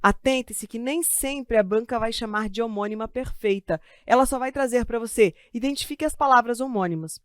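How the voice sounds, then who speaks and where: A Brazilian woman teaching Portuguese grammar in an online exam-prep class. She talks in a chatty, joking way and draws out key words slowly to stress them. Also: on the high side, no echo, clean studio sound. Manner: lively, stretches key words slowly for emphasis; chatty asides and self-joking humor. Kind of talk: live online grammar lesson. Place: studio with a desk of computers.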